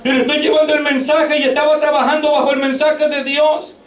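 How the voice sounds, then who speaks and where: A male pastor preaching a fervent sermon in a church, often raising his voice to a shout. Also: very high voice, little pitch movement, fairly quick. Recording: echoey church from far off, faint noise.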